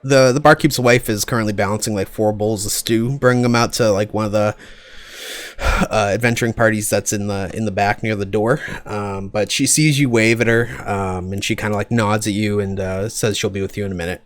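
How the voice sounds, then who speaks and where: A man with a fairly low voice acts as game master. He narrates a tabletop game off the cuff, casual and laid-back, with a joking streak. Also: fairly even intonation, fairly quick.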